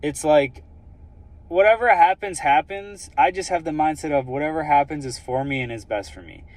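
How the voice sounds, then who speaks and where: A man's voice: on the high side, fairly quick, darkish tone, no echo. A young man casually telling a personal story in an earnest, rambling way, full of "like" and "um" fillers. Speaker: vlogger sharing a personal story.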